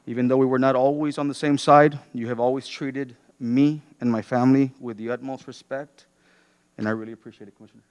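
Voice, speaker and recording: A man's voice: medium pitch, darkish tone, clear, resonant tone, dry recording. A man giving a prepared farewell speech as a city commissioner, formally and with personal asides. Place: city council meeting.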